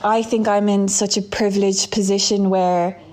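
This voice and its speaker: A woman's voice: medium pitch, flat delivery, normal speed, a little mellow. A young Irish woman speaking candidly and reflectively as an interview guest, with frequent fillers and restarts. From Ireland.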